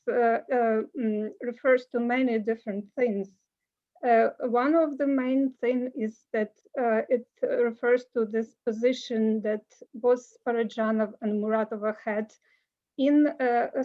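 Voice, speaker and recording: A woman giving an academic conference talk over a video call, pausing often with filler sounds. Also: fairly high pitch, highs cut off. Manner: hesitant, many filler sounds. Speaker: conference speaker.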